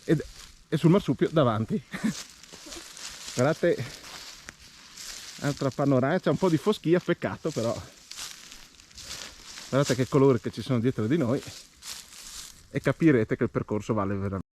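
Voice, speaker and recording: A hiking vlogger films and guides a walk on a mountain trail, giving casual, playful, encouraging commentary to viewers and companions. His mid-range voice is expressive and a little mellow, at normal speed with frequent pauses. The handheld outdoor recording is clearly noisy.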